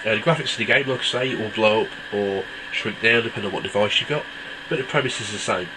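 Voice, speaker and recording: Speaking quickly in a lowish voice, this stuffed-up app reviewer rambles through a relaxed mobile game review full of ums. The background is noisy, with loud game music underneath.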